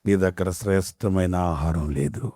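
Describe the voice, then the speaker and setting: A man's voice: sits low, normal speed, mellow, no room sound, clean studio sound. Emphatic storytelling male pastor. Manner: emphatic storytelling with rhetorical questions. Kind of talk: sermon.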